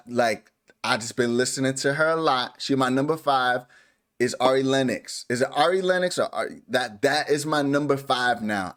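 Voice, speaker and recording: A man's voice: mid-range voice, a bit bright. Rambling casual male podcast co-host. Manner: rambling, filler-heavy, laughs easily. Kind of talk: casual chat.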